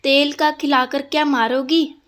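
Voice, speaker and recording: Cranky old mother-in-law, shrill and scolding, put on by a woman. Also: flat delivery, measured pace. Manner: nagging, shouting complaints.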